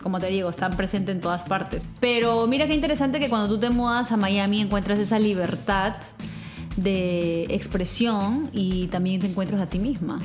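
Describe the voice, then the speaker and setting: A woman's voice: medium pitch, normal speed, over music. A woman from Peru hosting an interview, chatting and agreeing readily with her guest. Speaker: podcast host. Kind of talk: casual interview chat.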